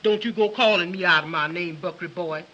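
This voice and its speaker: A woman's voice: on the low side, fairly quick, sharp tone. A woman playing a folksy, scolding, motherly maid with a Southern US accent in an early talkie film. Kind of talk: early talkie film acting, broad comic. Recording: dull, hissy early sound film.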